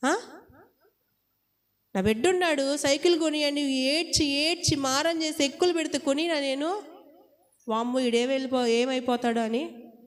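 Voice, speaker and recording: A woman with a high voice preaches an impassioned sermon, throwing question after question at her listeners. Her voice rings out with a long reverb, as if she is speaking in a large hall. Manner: impassioned, asks the congregation many rhetorical questions.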